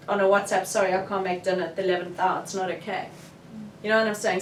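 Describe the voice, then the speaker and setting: A South African woman, an author, talks frankly and with animation at a bookshop launch. She sounds some distance from the mic. A roomy echo and faint room noise surround her voice. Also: mid-range voice. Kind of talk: candid book launch discussion.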